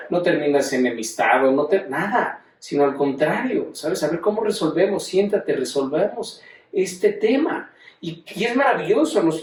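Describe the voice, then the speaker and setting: Mexican male teacher, slightly high voice, chatty lecture, recorded from across an echoey room. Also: a little mellow. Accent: Mexican Spanish. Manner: conversational, explaining with tag questions. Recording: echoey room, mic at a distance.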